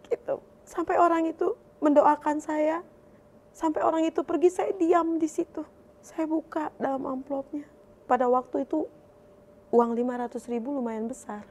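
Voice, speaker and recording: A woman telling her personal faith testimony in an emotional, heartfelt way, her voice climbing higher as she recounts her prayers. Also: steady tone, moderate pace, darkish tone. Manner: emotional, voice rising high when recalling prayers. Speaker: testimony speaker.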